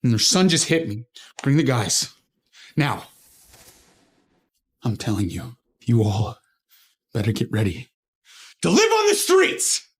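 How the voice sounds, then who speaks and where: An actor playing an arrogant young corporate manager who bullies and threatens his relatives, with a husky voice. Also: lowish voice, lively intonation, unhurried, pauses often. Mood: threatening.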